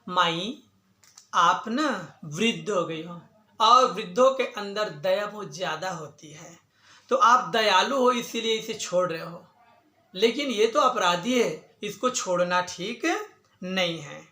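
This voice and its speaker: A man's voice: high voice, slow, exaggerated voice. A man telling a religious story, voicing an angry, threatening hunter in a raised voice. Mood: scolding. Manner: loud, threatening. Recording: echoey room.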